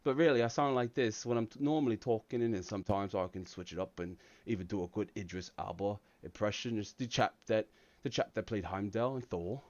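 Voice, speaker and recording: A man's voice: fairly low pitch, fairly even intonation, a little fast, a little mellow, no echo, lo-fi sound, close to an everyday voice. An American man, a tech channel host, putting on a hammy fake London English accent with British slang during a livestream Q&A. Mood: playful. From United States.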